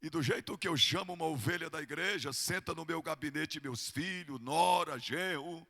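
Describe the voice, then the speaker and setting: An older man, a pastor with a Brazilian Portuguese accent, preaching a fervent sermon in a thick, gravelly voice that swells into shouting. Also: on the high side, moderate pace.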